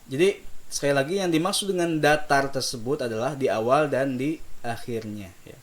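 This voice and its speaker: A medium-pitched man leads a relaxed lesson in melodic recitation. He explains each note calmly and unhurriedly, then sings slow, drawn-out demonstrations, offering students gentle, soft-spoken encouragement along the way.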